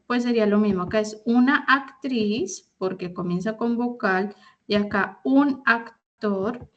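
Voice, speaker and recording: A woman's voice: mid-range voice, muffled recording. A woman in her thirties, an English teacher giving an online class, explaining step by step and often checking that her students follow. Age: 30s. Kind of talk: online class instruction in Spanish.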